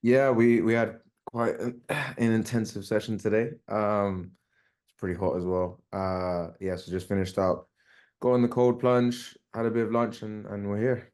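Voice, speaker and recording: A man's voice: fairly low pitch, moderate pace. A young man with a London accent, a professional soccer player being interviewed, talking in an easygoing way with plenty of filler words. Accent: London English. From England. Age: young adult. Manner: relaxed, easygoing, uses fillers like "like" and "um". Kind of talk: casual interview.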